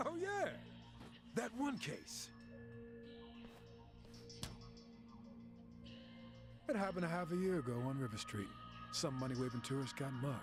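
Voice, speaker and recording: A man's voice: fairly high pitch, lively intonation, fairly quick, lightly acted. An actor playing a corrupt, sneering police officer in a video game cutscene, mocking and gloating as he frames a suspect, with game music behind. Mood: taunting. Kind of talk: game dialogue acting. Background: game music score.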